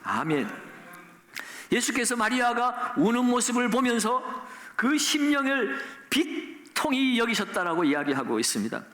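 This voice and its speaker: Middle-aged guy pastor preaching, pretty high voice, lots of "isn't it?" questions, echoey church. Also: big pitch swings, measured pace, sharp tone. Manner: earnest preaching, often asks the congregation rhetorical questions. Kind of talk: sermon. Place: church sanctuary.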